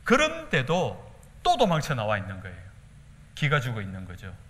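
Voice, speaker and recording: A pastor from Daegu with a Gyeongsang accent, preaching a sermon and acting out quotes. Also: male voice, mid-range voice, moderate pace. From Daegu, South Korea. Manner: animated preaching with acted-out quotes. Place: church sanctuary. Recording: church hall reverb.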